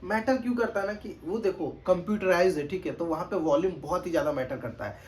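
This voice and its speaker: A man with a fairly high voice talks straight to the camera in a loose, casual tutorial, deliberately louder than he normally speaks. He keeps returning to his points with little check-ins, patient and instructive. A faint hum of background noise sits under the voice. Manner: raised, projected speaking voice. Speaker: test-prep tutor. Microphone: camera mic.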